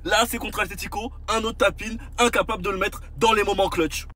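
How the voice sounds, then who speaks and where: Man, football fan, sarcastic mocking rant, bright tone. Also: high-pitched, fairly even intonation, a little fast.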